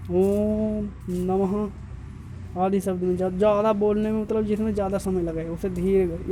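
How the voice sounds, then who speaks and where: A man's voice: sits high, background noise. A male teacher giving an exam-prep grammar lesson, repeating points and correcting himself often as he explains step by step.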